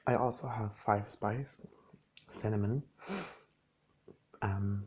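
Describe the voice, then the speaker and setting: A man chatting in a gentle, reassuring ASMR style, sometimes half-whispering while he eats and sips a drink. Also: on the low side, fairly even intonation, slow pace, slight background noise. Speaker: ASMR creator. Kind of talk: soft-spoken ASMR chat.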